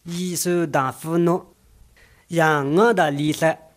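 A man with a fairly high voice delivers film dialogue in slow, unhurried phrases. He calls out his lines in an exclamatory way and keeps a measured pace throughout. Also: steady tone, noisy background.

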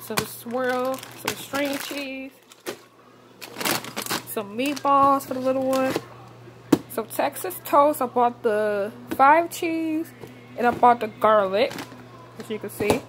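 A woman's voice: high voice, slow, long pauses, music in the background. A young woman vlogger casually walking through her grocery haul in her kitchen, chatting to viewers with fillers and "y'all", filmed on a handheld phone. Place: home kitchen, indoors.

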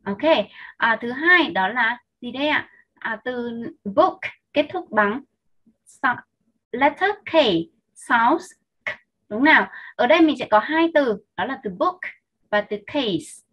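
A woman teaching English vocabulary with a Vietnamese accent, patient and clear, slowly repeating each sound for young learners. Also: on the high side, lively intonation. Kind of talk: online vocabulary lesson. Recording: dull lo-fi sound.

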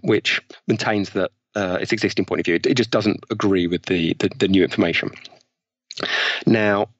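Speaking in a fairly low voice, a British behavioral science author answers as an interview guest, walking through ideas in a conversational way with examples. The audio is a bit dull and lo-fi, without any room sound.

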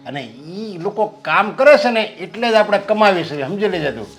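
A man's voice: sits high, big pitch swings, moderate pace, faint music behind. A stubborn lecturing father. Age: middle-aged. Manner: firm, lecturing, proverb-like reasoning. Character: stubborn traditional father arranging son's marriage.

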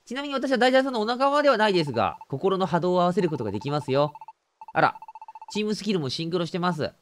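A man voicing a polite, formal dragon creature from a video game, reading its lines calmly. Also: sits high, very fast, slight background noise. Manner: calm, polite, formal speech. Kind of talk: reading game dialogue aloud.

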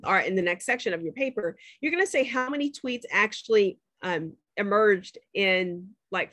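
On a shared screen, a woman professor guides students through a spreadsheet in a class demo. Her medium-pitched voice is a bit bright with no echo, and she's chatty, checking in with the class often.

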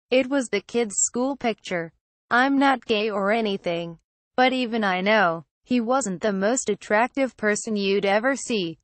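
A woman reading a horror story aloud in a steady, somber storytelling manner. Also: medium pitch, no echo. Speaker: narrator.

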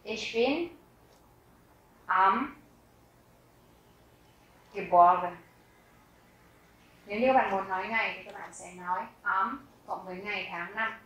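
Woman teacher, 30s, slow careful lesson voice, repeats every phrase, mid pitch, boomy echo. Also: steady tone, fairly bright tone, far from the mic. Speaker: German teacher. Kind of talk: language lesson. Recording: very echoey room.

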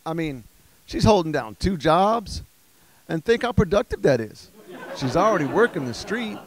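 A man's voice: fairly high pitch, sing-song, moderate pace, a faint crowd, slight background noise, low-quality recording. A man doing stand-up comedy, exasperated and ranting through strings of rhetorical questions.

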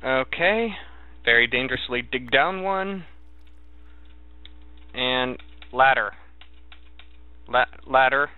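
Unhurried man on thin, phone-like audio. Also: medium pitch, animated, dry recording. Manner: halting, thinking aloud. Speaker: gamer narrating a let's play. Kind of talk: casual game commentary. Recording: thin, narrow phone-like sound.

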